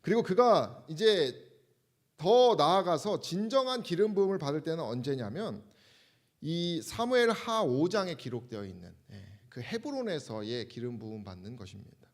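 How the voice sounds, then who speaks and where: A male pastor giving a Bible lecture sermon to his congregation in a measured, explanatory way while referring to slides. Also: fairly high pitch, sing-song. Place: church.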